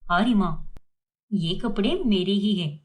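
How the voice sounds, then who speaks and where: A woman's voice: mid-range voice, measured pace, voice pushed down, close to an everyday voice. A woman voicing a mild, accommodating elder daughter-in-law in a cartoon story. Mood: calm.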